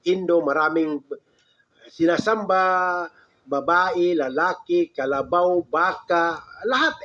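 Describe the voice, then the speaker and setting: A man preaching an Islamic lecture in a lively storytelling way, with his voice jumping up high at the punchlines. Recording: dull lo-fi recording.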